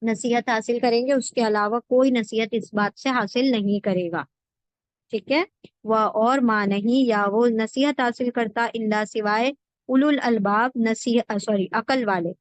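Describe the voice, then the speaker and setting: A woman teacher with a fairly high voice talks very slowly and patiently, repeating each word so her students can follow. Her sound is close and dry, with almost no room around it. She breaks every meaning down step by step. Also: no room sound. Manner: slow, repeats words and meanings for drilling. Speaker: Quran word-by-word translation teacher. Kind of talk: patient classroom explanation with repetition.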